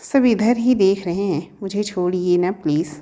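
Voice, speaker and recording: A woman's voice: medium pitch, moderate pace, warm tone, natural voice. A woman reading a storybook, voicing a shy young female student who teases the man she loves. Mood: shy teasing. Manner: shy, teasing.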